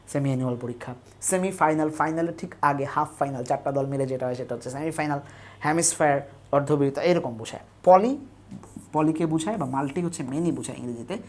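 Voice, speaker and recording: A woman's voice: sits low, darkish tone. A young woman gives an online class on English word roots. She explains step by step, lists examples and often asks "right?" to check. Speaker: teacher. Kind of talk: online admission-test English lesson. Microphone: camera on a tripod.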